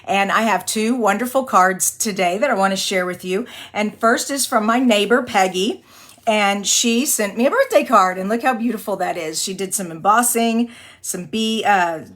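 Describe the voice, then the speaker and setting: A Texas woman hosts a chatty live-stream card-making tutorial, her medium-pitched, fairly bright voice slightly raspy from singing and allergies. She talks at a moderate pace, rambles, apologizes often, and laughs easily.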